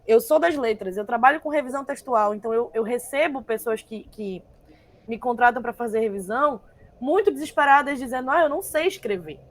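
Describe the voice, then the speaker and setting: A young woman speaks as a panel guest, reflective and deliberate. Her voice sits somewhat high, and she often restarts her sentences while thinking aloud. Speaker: guest, text reviser. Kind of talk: panel discussion talk.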